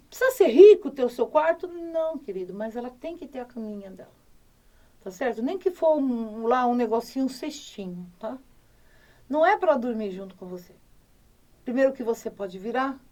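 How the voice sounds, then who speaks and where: A woman's voice: fairly high pitch, darkish tone, recorded from a distance. A middle-aged woman doctor with a Brazilian Portuguese accent, giving firm, emphatic parenting advice in a casual talk and speaking straight to her listeners.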